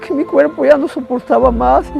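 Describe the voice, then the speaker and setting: A man telling an emotional religious testimony in a halting way, again and again calling his listener "brother". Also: extremely high pitch, creaky, highs cut off, faint music behind. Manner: halting, keeps addressing the listener as "hermano". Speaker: guest giving a religious testimony.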